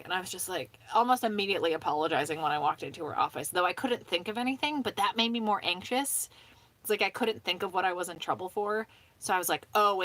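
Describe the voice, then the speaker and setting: A young woman chatting casually on a live stream, rambling with lots of "um" and "like", laughing often and talking fast with some mumbling. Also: fairly low pitch, fairly bright tone. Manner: talks fast and mumbles at times.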